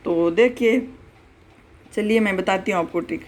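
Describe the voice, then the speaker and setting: A woman's voice: mid-range voice, darkish tone. Patient woman teaching exam prep. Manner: explains patiently, repeats words and examples, addresses viewers as friends; spells out word pairs slowly. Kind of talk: online exam-prep lesson.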